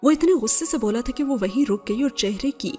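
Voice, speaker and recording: A woman reading a serialized novel aloud in steady, measured storytelling. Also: a little high. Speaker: novel reader. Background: faint background music.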